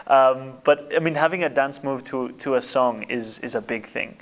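A man from Uganda talking casually and haltingly in an old interview clip. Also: mid-range voice.

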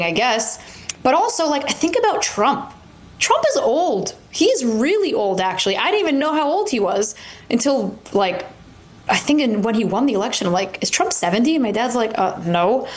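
A woman in her twenties co-hosting a casual political debate, speaking in a blunt, candid way. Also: mid-range voice. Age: 20s. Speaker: co-host.

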